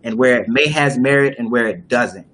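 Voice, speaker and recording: At a moderate pace and medium pitch, a somewhat bright-sounding young man hosts a casual video call discussion, going on at length with many fillers and restarts. Slight background noise comes through his webcam.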